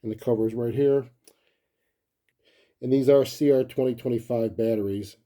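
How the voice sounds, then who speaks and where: A collector gives a hands-on gadget look in a dark, mid-range male voice at a moderate pace. His manner is casual and easygoing, more thinking aloud than following a script.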